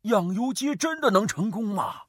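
A man voicing an excited young soldier in a children's story, chattering eagerly. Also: high voice, moderate pace, dry recording, clean studio sound, voice pushed up. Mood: doubtful.

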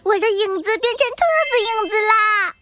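An actor voicing an excitable, childlike little crocodile in a children's audio story, full of exclamations. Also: very high voice, moderate pace, noisy background. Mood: excited, playful. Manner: exclamatory, bubbly.

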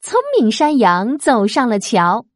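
A woman reading a children's storybook aloud, expressive and lively. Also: fairly high pitch, dry recording, studio quality. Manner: slow, lively, expressive, sound effects.

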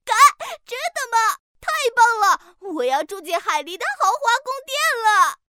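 A woman voicing an excitable, impulsive little duckling in a children's audio story, quacking and exclaiming as she talks. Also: extremely high pitch, takes it slowly, slight background noise, full character voice. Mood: delighted. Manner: quacks often, squeals and exclaims.

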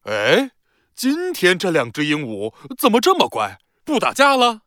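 Man playing a lively, high-voiced earnest emperor. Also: unhurried, dry recording, studio quality, heavily acted. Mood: puzzled. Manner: theatrical, proclaiming. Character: earnest, decisive reforming Chinese emperor. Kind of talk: children's audio drama.

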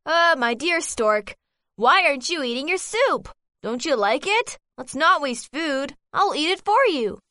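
A greedy, scheming fox in a children's storybook, all flattery and sweet talk, acted by a woman. The voice is high and bright, leaping up and down. The sound is close and dry. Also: measured pace, no echo, full character voice. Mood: fawning. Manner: sweet-talking, wheedling, chuckling to himself. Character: greedy sly male fox, scheming and fawning. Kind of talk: storybook character reading.

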